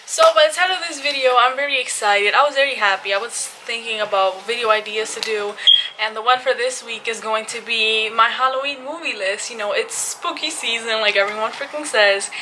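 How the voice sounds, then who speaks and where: A young woman chats eagerly to her viewers, peppering her talk with fillers. She sounds a little out of breath, and a steady hiss of background noise sits under her voice. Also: on the high side. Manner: chatty, enthusiastic, says freaking and like a lot. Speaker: YouTuber. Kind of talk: casual vlog chat.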